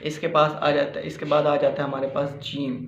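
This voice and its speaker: A man's voice: on the high side, completely flat delivery, fairly quick, slight background noise. Patient man teaching letter sounds. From Pakistan. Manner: patient, repeats each point and sounds out letters. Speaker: Quran reading teacher. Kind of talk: slow spoken lesson with demonstrations. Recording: muffled echoey room recording.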